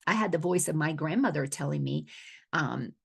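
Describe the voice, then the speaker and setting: A middle-aged woman from the Dominican Republic teaches as a spiritual coach in an earnest, unscripted way. Her voice sits low and carries a gravelly fry. She often repeats a word as she restarts a thought. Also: expressive, moderate pace. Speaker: awareness coach.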